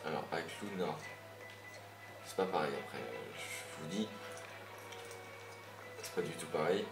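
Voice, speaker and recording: Speaking in an extremely low, unhurried voice, a young man gives rambling, chatty commentary on a video game. He sounds a bit irritated and lets out mild swearing now and then, his voice roomy against background game music.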